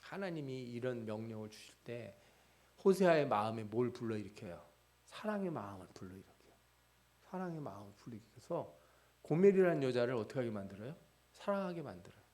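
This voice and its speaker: A man's voice: mid-range voice, sing-song, brisk, darkish tone. A man preaching a midweek church sermon, posing questions to the congregation and answering them himself. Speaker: pastor.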